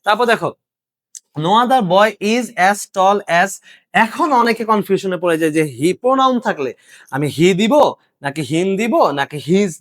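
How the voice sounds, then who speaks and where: A man teaching an exam-prep grammar lesson, casual and addressing students directly, quizzing them and answering his own questions. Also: sits high. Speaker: English teacher.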